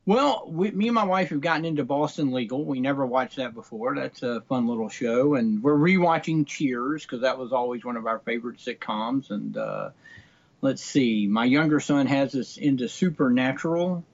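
A middle-aged man, rambling easily with lots of fillers as a podcast co-host. His pitch sits mid-range. The audio sounds a little dull. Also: moderate pace. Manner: easygoing, rambling, many fillers. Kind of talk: casual chat.

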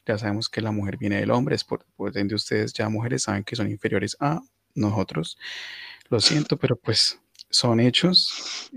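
A man's voice: medium pitch, no room sound. A man hosting a comedy podcast, ranting crudely with mock-pious asides. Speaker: podcast host.

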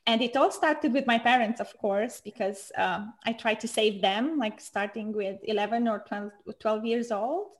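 A woman from Romania, a guest on a podcast who works as a marriage coach, chatting casually and laughing often, tagging her points with "right?". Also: a little high. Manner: warm, laughs often, quick bursts with trailing "right?". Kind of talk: casual interview chat.

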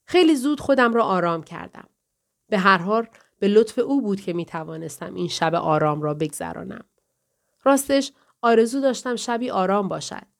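A woman reading a novel aloud in the first person, with a calm, even storytelling delivery. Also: mid-range voice, gravelly. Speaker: audiobook narrator.

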